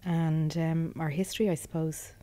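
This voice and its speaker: A woman's voice: low-pitched, level tone, moderate pace, warm tone. An Irish woman in her late forties, reflecting steadily in a discussion. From Ireland. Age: 40s. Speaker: roundtable guest. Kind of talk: casual discussion.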